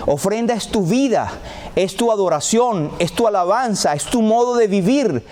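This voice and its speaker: A male pastor preaching a sermon, acting out quoted prayers with rising and falling pitch. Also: expressive, moderate pace, a little mellow, slight background noise.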